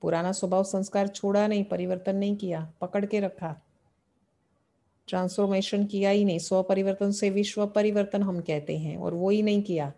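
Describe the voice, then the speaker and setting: A woman's voice: mid-range voice, fairly even intonation, normal speed, mellow. A woman giving a devotional sermon. She asks rhetorical questions, answers them herself, and repeats key phrases as she explains the teaching. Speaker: spiritual teacher.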